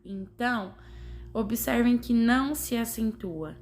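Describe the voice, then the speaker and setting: Woman, teacher, slow and deliberate, syllable-by-syllable lesson. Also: fairly high pitch, animated, a little mellow. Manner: slow, carefully spelling out syllables. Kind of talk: slow classroom explanation.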